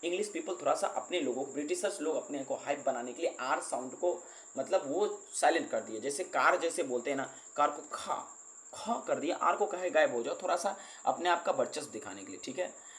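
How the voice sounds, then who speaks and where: A male teacher who explains an English book line by line, reading the English passages slowly before explaining them. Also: a little high, expressive, a bit bright.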